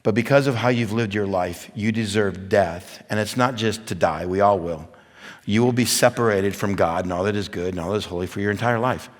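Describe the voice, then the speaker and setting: A man preaching at a men's event, telling stories and building from quiet to loud, emphatic points. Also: on the low side, brisk. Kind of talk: sermon. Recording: long hall reverb.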